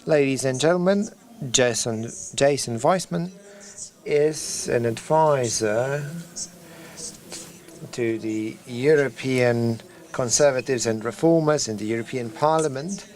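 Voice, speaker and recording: A man hosting an event, giving a formal podium speech of introductions in a halting, hesitant way. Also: medium pitch, a little mellow. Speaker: event host introducing speakers.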